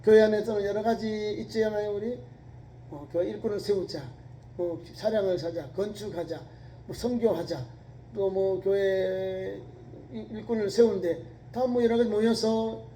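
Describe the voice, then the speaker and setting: A man's voice: high-pitched, fairly even intonation, normal speed, warm tone, slight background noise, low-quality recording. A middle-aged male pastor preaching a sermon in an earnest, exhorting way, often repeating key words for emphasis.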